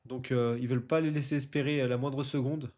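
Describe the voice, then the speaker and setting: A man's voice: medium pitch, fairly even intonation, brisk, a little mellow. A man casually presenting and commentating live on an online football tournament as its streamer and host.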